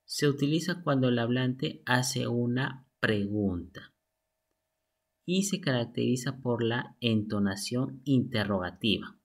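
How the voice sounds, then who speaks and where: A man teaching a lesson from slides, methodical and reading examples aloud. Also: medium pitch. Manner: slow, methodical, reads out examples. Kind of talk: slide lesson on sentence types.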